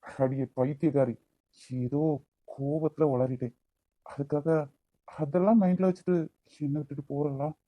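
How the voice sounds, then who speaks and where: A man's voice: a little high, steady tone, no room sound, muffled recording, lightly acted. A man voicing a hot-tempered young man in a cartoon love story, pleading with the woman he loves, with a Kanyakumari Tamil accent. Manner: pleading, quick to anger. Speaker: voice actor.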